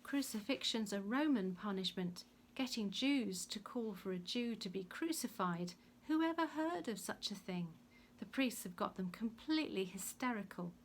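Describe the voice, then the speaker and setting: A woman's voice: medium pitch, lively intonation, moderate pace, slight background noise, close to an everyday voice. A woman voicing a sly, contemptuous Roman governor in a dramatic Bible story reading. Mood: smug. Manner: mock-horrified, sneering.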